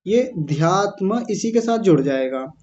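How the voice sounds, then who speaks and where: A male teacher leading a recitation class, chanting verses syllable by syllable, correcting pronunciation and often clearing his throat. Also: sits high, lively intonation, measured pace, a little mellow, dull audio, slight background noise. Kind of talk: online class pronunciation drill.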